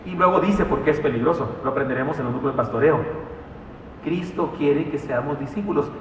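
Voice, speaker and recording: A man preaching a sermon in a church, animated and telling stories with humor and asides. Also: fairly high pitch, a little fast, far from the mic, a little hiss or hum. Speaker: pastor. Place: church sanctuary. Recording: echoey hall, mic from afar.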